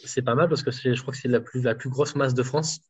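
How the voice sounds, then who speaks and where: A man with a mid-range, steady, husky voice speaks fairly quickly, recorded with dull lo-fi sound. He's a home nutrition dietitian answering interview questions casually, full of fillers and restarts.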